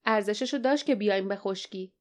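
A woman voicing a sneering sharp-toothed male pirate, speaking in a mocking, gloating way. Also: mid-range voice, lightly acted.

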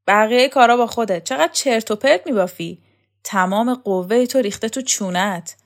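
A woman's voice: fairly high pitch, pitched above the performer's own voice. A woman voicing a blunt, domineering woman who barks and scolds in an audiobook. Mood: scolding. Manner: barking, scolding. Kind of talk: audiobook character voice.

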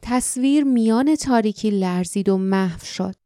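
A woman narrating an audiobook in a steady, literary storytelling manner. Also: medium pitch, no echo, studio quality. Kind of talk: scripted narration.

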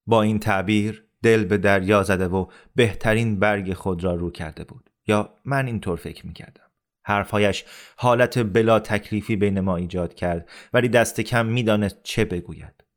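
Man reading a novel in a steady, low voice. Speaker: audiobook reader. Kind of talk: scripted narration of a novel.

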